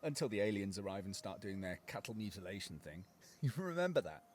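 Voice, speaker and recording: An actor playing a young Englishman in a video game, joking in a dry, deadpan way. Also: on the low side, fast, heavy background noise. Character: young man, dry joking countryside companion.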